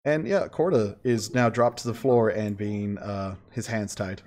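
A man narrating a tabletop game as game master, in a halting, conversational, improvised way. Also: lowish voice, a little mellow. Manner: halting, conversational, laughs readily.

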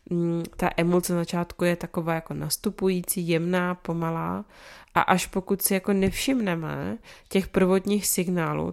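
A young woman hosting a podcast, explaining things in a calm, conversational way with many small fillers. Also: on the low side. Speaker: podcast host, psychology topics.

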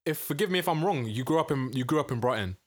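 A man's voice: fairly high pitch, expressive, fast talker, breathy edge, no echo. A man asking questions as an interviewer in an informal, encouraging, conversational way, often agreeing.

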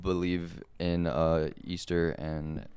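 A man's voice: low voice, little pitch movement, slow pace, a little mellow, smooth, dry recording. A laid-back young man co-hosting a podcast, rambling easily and laughing often. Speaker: podcast co-host. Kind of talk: casual chat.

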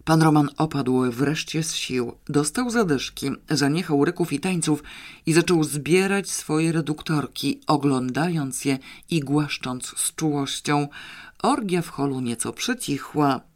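An audiobook narrator reading a children's novel with lively, even storytelling. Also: medium pitch, unhurried.

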